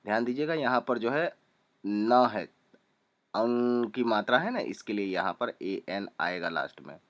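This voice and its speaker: Unhurried and on the low side, a young man's voice carries a spelling lesson in which he calmly spells names letter by letter, repeating every one.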